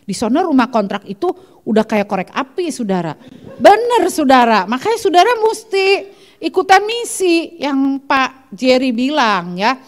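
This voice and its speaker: A woman pastor preaches to her congregation in an animated way, acting out voices in her stories and turning often to the listeners. Her voice sits a little higher than most women's. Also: moderate pace, big-room sound. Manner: animated preaching, constantly addressing the congregation as "saudara". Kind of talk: sermon. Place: church.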